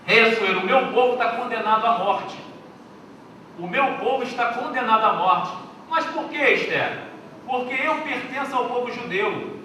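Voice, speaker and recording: A man's voice: extremely high pitch, pushed and bright, slight background noise. A man voicing an earnest young queen pleading for her people, heard far off in an echoey hall.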